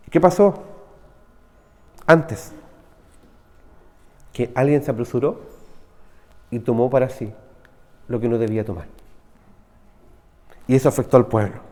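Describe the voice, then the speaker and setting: A man's voice: medium pitch, a little slow, long pauses, a little mellow, in a large hall. A man with a Chilean Spanish accent preaching a conversational sermon, often asking his listeners "right?". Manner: conversational preaching, frequent rhetorical "¿cierto?". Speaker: pastor. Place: church hall.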